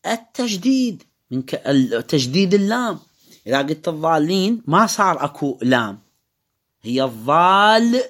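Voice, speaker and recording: Iraqi man teaching, lively pitch. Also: moderate pace. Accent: Iraqi Arabic. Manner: explanatory, demonstrates pronunciation by drawing out words. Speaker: religious teacher. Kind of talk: lecture on Quran recitation rules.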